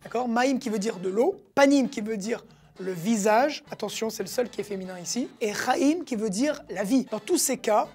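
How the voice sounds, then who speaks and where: A woman teaching a recorded language lesson, patiently explaining and repeating words slowly. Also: fairly high pitch, darkish tone, slightly rough, faint music behind.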